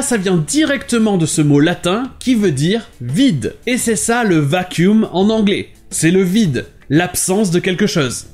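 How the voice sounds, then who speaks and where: High, lively male language teacher. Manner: clear, didactic delivery, switching between languages. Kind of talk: short explainer lesson.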